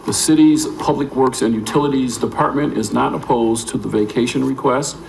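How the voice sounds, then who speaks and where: A man's voice: medium pitch, steady tone, moderate pace, creaky, a little mellow. An American man, a planning staffer, reading a formal staff report aloud at a public meeting. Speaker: city planning staff member. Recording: echoey room with faint noise.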